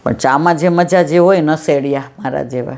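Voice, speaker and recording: A woman's voice: sits low, moderate pace, a little mellow. An older woman giving a devotional satsang talk, telling anecdotes and acting out the dialogue. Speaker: satsang speaker.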